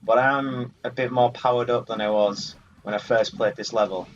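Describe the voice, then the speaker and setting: This let's play host keeps things casual, teasing and lightly swearing at the game's characters at a normal speed. His medium-pitched voice holds a steady tone. There's a little hiss or hum, and the lo-fi sound is muffled over game music.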